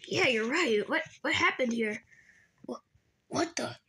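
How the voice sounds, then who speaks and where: A woman's voice: sits high, expressive, unhurried, bright, forceful tone, slight background noise, full character voice. A woman voicing an easygoing earless male creature in a fan-made toy role-play, talking casually and swearing offhandedly.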